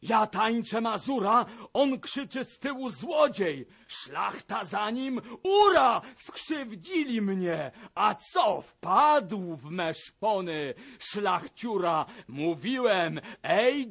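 An actor playing a blustering Russian army major who shouts, mocks and boasts in a radio drama. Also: male voice, sits high, gravelly, slightly rough, full character voice. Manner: shouting, mocking, boastful ranting.

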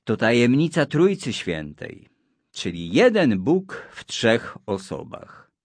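A man voicing a gentle, wise priest who answers a boy calmly. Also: mid-range voice, takes it slowly, gravelly, dry recording, exaggerated voice.

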